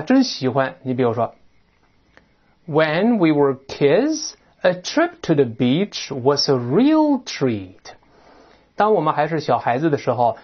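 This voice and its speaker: A man teaching English in a recorded lesson, his husky voice swinging widely up and down in pitch. He explains each word with lively asides and keeps asking his listeners questions. The recording sounds dull and lo-fi. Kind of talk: recorded vocabulary and text lesson.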